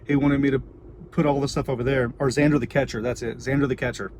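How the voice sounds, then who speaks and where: Middle-aged Texan male vlogger, mid-pitched, informal and rambling, recorded in a car with clear ambient noise. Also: flat delivery, fast. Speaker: vlogger and parent. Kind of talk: casual chatty livestream, answering viewers. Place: inside a car.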